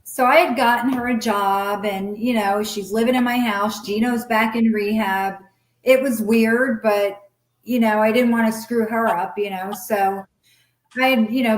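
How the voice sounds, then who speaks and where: A middle-aged woman telling her own story in a blunt, candid way, swearing freely. She acts out old conversations in lively quoted voices. Her pitch sits in the middle for a woman, and the room adds a clear echo. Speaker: guest sharing her story. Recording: roomy echo.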